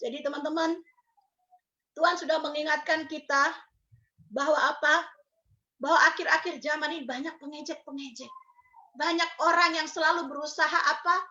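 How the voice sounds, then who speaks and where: A woman's voice: high-pitched, steady tone, normal speed, pauses often, pushed and bright, highs cut off. A middle-aged woman preacher giving an emphatic sermon, asking rhetorical questions and mixing in English phrases.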